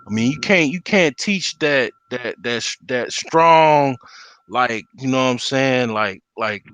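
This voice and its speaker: A man in a casual streamed chat who talks haltingly and repeats words while he looks for them. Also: medium pitch, a bit bright, clean tone, dry recording. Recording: dull lo-fi stream audio.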